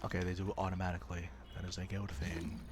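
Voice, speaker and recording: A man's voice: low voice, completely flat delivery, fast. A man streaming himself playing a game live, chatting playfully with his viewers and joking at his own expense. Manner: laughs often. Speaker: gaming livestreamer. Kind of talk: casual live gameplay commentary.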